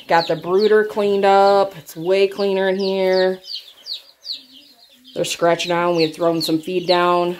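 Woman, thirties, slightly low voice, chatty practical narration, handheld phone in a barn. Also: a little hiss or hum. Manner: chatty, practical, explains step by step. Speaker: homestead vlogger. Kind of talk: casual narration of farm chores. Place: barn and farmyard outdoors. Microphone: handheld phone camera.

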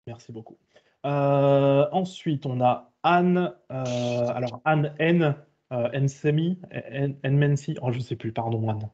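A man's voice: mid-range voice, slow, mellow. Mumbling man with a Rouen accent. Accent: Rouen French. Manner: mumbles into his moustache. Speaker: webinar host. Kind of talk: casual online meeting chat. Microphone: video call. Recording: dull lo-fi video call audio.

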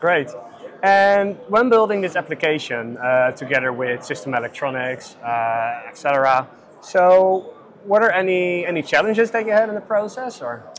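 A man's voice: on the high side, lively intonation, moderate pace. Man in his 30s, upbeat promotional interviewer, lapel mic, trade-fair booth. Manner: upbeat, promotional, many "right?" tags.

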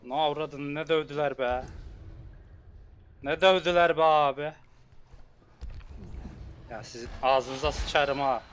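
A man giving let's play commentary as a gaming streamer, cursing and yelling at enemies. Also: on the high side, slow, pauses often, slight background noise. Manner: swears and yells at enemies.

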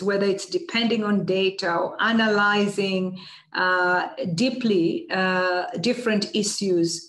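Tanzanian woman answering on a video call. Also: medium pitch. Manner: measured, many fillers. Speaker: guest speaker, UN official. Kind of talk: seminar Q&A answers. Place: office with banners behind. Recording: roomy video call audio.

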